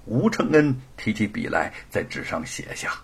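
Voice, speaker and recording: Male storyteller, expressive, husky, lively pitch. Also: normal speed. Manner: expressive, dramatic. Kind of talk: scripted storybook narration.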